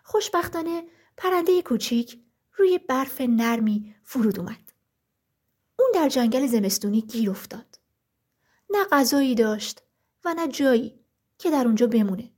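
A woman narrating a children's story in a gentle, even storytelling way. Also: on the high side, long pauses.

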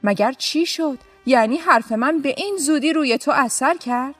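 A woman voicing an arrogant, scornful male governor in a story, talking down with loud, mocking words. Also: sits high, faint music behind, pitched above the performer's own voice, lightly acted. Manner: shouting, mocking and haughty.

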